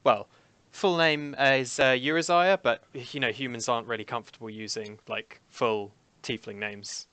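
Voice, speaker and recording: A man's voice: medium pitch, fairly even intonation, sharp tone, no room sound, natural voice. A man playing a polite tiefling adventurer in his own voice, speaking hesitantly with many halts. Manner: hesitant, halting.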